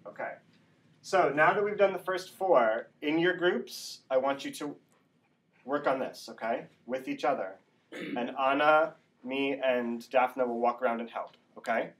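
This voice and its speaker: With a mid-range, slightly bright voice and a measured pace, an ESL teacher runs a slow phonics drill. He instructs by repeating sounds and often confirms understanding with a brief tag question, recorded from a distance in an echoey, noisy room.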